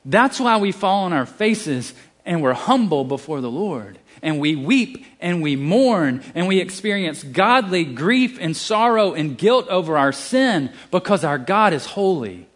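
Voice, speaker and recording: A man's voice: high-pitched, very animated, unhurried. A man with a Southern US accent preaching a sermon, emphatic, with casual asides and restarts.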